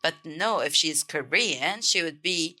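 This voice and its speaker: A woman from Egypt with an Egyptian accent, teaching a beginner language lesson and clearly repeating each word several times. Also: sits low, expressive, unhurried, pushed and bright. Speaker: Arabic teacher.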